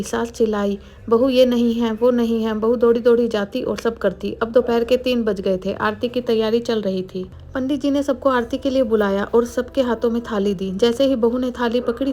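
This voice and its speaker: A woman's voice: a little high, a little mellow. A woman narrating a family story in a chatty storytelling manner, now and then speaking to the listener.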